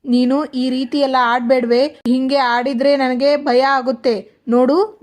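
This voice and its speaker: A woman voicing a caring, motherly older woman who coaxes and soothes, in a high, flat voice. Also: close to an everyday voice. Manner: soothing, coaxing, repeats questions.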